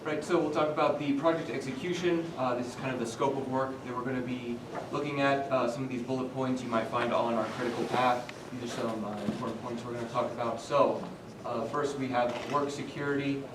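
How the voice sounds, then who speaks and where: Flat-voiced young man presenting, echoey. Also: medium pitch. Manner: steady, frequent filler sounds. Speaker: student team presenter. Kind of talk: rehearsed team presentation. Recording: echoey room, distant mic, noisy.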